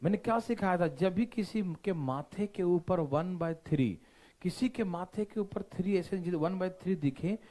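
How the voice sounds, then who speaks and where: A man's voice: high-pitched, unhurried, warm tone. A man teaching a math lesson, playful and constantly checking whether his listeners follow. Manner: playful, joking asides. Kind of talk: classroom lecture.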